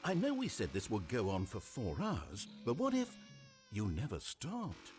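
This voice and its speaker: Animated, theatrical male game narrator. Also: mid-range voice, a little slow, soft background music. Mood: coaxing. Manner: theatrical, grandiose, mock-earnest. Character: effusive, theatrical, needling male narrator addressing the player. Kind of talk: scripted narration.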